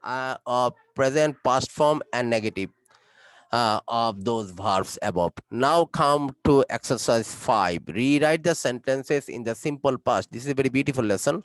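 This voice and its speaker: A male English teacher with a Bangladeshi accent, a native Bengali speaker, leading an online class. He speaks at an unhurried, measured pace and keeps restating each instruction, moving between English and Bengali. The sound is close and dry. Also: mid-range voice, no room sound, low-quality recording.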